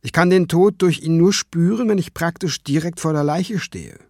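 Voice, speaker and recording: A man's voice: on the high side, moderate pace, darkish tone, dry recording, clean studio sound, pitched above the performer's own voice. A man voicing a tough young female magician who speaks bluntly and with cheek. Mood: insistent.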